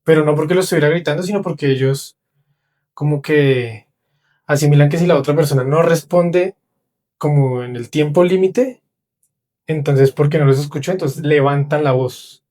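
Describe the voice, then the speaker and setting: Young man, Colombian accent, casual storytelling, higher voice, animated. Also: normal speed. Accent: Colombian Spanish. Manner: animated, acts out quoted voices. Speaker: podcast guest.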